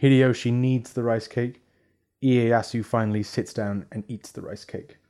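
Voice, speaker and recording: A man in relaxed conversation, laying out historical facts in a measured, explanatory manner. His delivery is casual and steady, like a co-host walking a friend through a topic. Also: medium pitch. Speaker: podcast co-host presenting history. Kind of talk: casual chat.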